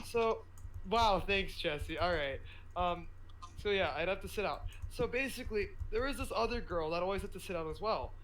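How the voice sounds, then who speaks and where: High-voiced teen guy telling a rambling story. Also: moderate pace, a bit bright, a little hiss or hum, poor audio. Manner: rambling, self-interrupting storytelling with frequent laughs. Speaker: podcast co-host. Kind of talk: casual chat.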